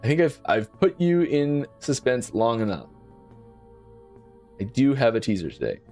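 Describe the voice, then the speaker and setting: Animated man chatting on a stream. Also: mid-range voice, moderate pace, soft background music. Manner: lively, often repeats words and restarts sentences. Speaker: game developer hosting a Q&A stream. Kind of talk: casual livestream chat while playing. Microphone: desk mic.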